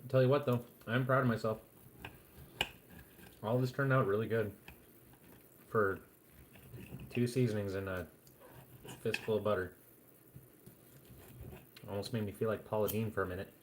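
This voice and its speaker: A man's voice: on the low side, fairly even intonation, normal speed, pauses often, a little hiss or hum. A man chatting casually to viewers on a live stream at home, rambling along with plenty of fillers and restarts.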